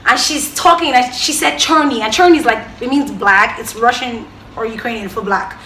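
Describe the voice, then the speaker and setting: Bright, high-voiced young Nigerian woman. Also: moderate pace, roomy sound, slight background noise. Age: young adult. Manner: animated storyteller who swings from loud outbursts to hushed asides. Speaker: vlogger. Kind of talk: storytelling to camera.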